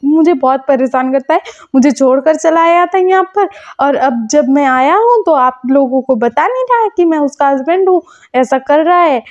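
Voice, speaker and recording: Woman voicing a pouting pregnant young man, whiny, high and light, muffled lo-fi sound. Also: lively intonation, normal speed, a little mellow. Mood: complaining. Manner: whiny, scolding. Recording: muffled lo-fi audio.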